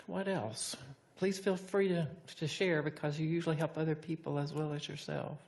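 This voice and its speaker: Woman, low pitch, meditation teacher, informal class discussion, reflective and hesitant phrasing. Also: fairly even intonation, normal speed, darkish tone. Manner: hesitant, reflective, echoes back what participants say. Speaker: meditation teacher leading a group debrief.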